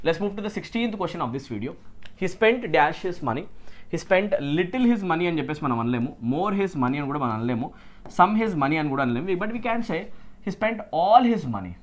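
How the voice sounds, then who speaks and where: A man with an Indian English accent talks through exam questions for his students. His voice sits a little high and swings widely in pitch. He drags out English phrases to stress them, then speeds through the explanation, keeps asking "okay?", and mixes Telugu with English. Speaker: English teacher.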